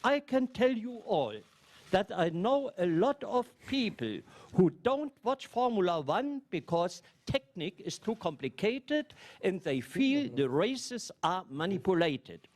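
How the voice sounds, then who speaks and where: A man's voice: high-pitched, big pitch swings, measured pace, a little mellow. A man, a newspaper journalist, reading long, earnest questions from his notes at a press conference.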